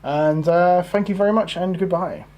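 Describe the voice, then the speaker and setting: A man's voice: high-pitched, normal speed, muffled recording, background noise. A man hosting a casual gaming podcast, rambling with plenty of fillers and the odd swear word. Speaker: podcast host.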